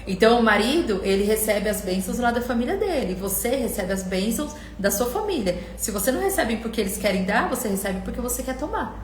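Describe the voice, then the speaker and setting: A woman's voice: on the high side, animated, fast talker, hardly any pauses, echoey room, slight background noise. A middle-aged woman coach hosting a live stream, speaking passionately and directly to viewers and acting out their words. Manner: passionate, speaks straight to viewers, quotes them in acted voices. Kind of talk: emotional live coaching talk.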